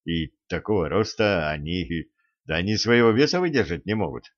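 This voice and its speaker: A stubborn male sorcerer protests in disbelief and exasperation, as a male reader voices him. His voice sits fairly low. The recording is dull and lo-fi. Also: sing-song, normal speed. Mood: incredulous.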